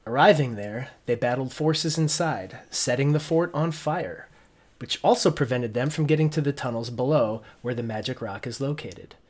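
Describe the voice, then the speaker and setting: Guy running a tabletop rpg, middle pitched, informal narration, thinks out loud. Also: normal speed. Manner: informal, feels out descriptions as he goes. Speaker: game master. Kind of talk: narrating a tabletop roleplaying game.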